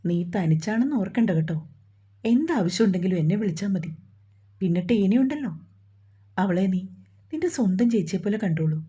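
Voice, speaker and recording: A woman's voice: mid-range voice, animated, fairly quick, long pauses, warm tone, slightly rough, dull audio. A woman voicing a loving, protective young man who speaks tenderly and coaxingly to his sweetheart in a romantic storybook.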